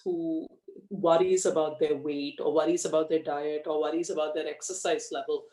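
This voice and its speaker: A middle-aged woman talks frankly and in a measured way, with plenty of fillers. Her voice sits fairly low for a woman. She is recorded a way off the mic in an echoey room. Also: darkish tone, recorded from a distance. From India, raised in Australia. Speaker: guest. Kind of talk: conversational interview.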